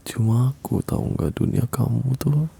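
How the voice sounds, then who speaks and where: In an ASMR roleplay, a man voices an obsessive young man who secretly haunts a listener's bedroom, speaking softly and cooingly with low chuckles. The exaggerated voice is gravelly and husky, with a steady tone at normal speed, carrying a soothing menace.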